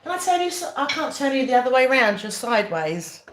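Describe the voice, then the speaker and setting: Casting: British woman, higher-pitched voice, chatty mukbang host talking while eating, recorded in an echoey room. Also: big pitch swings, brisk, fairly bright tone, a little hiss or hum. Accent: British English. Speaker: livestream host. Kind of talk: casual live chat over a meal.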